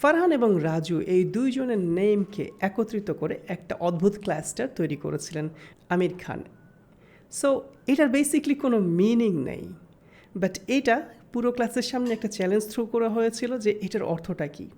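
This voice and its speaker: Woman teaching english grammar in a recorded lesson, explains step by step, drags out example words slowly. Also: medium pitch, lively intonation, dark tone. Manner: slows down to sound out example words.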